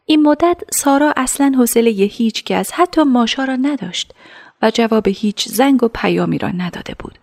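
A woman narrating a radio drama in a measured, hushed storytelling voice. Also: a little high, lively intonation, creaky.

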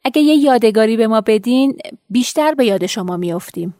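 A grateful young woman, played by an actress in a radio drama. Her voice sits a little high, with dry, close sound. She speaks warmly and fondly. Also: animated, no room sound, close to an everyday voice. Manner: warm, grateful.

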